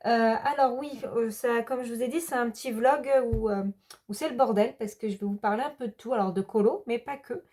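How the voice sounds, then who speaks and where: A woman chats casually to her viewers in a relaxed vlog. She rambles and hesitates, with plenty of pauses as she goes. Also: on the high side. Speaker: hobby vlogger.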